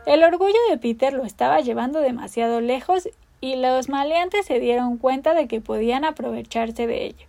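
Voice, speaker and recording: High-voiced woman reading a storybook. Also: normal speed, vocal fry, mellow, soft background music. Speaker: narrator. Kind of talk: storybook narration.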